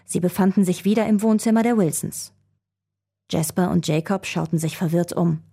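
A woman reading a children's adventure story aloud, telling it in a calm, even way. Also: on the low side, normal speed, vocal fry, slightly rough.

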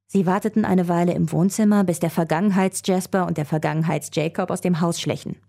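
A woman reading a children's adventure story aloud, telling it in a calm, even way. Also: lowish voice, fairly quick, vocal fry.

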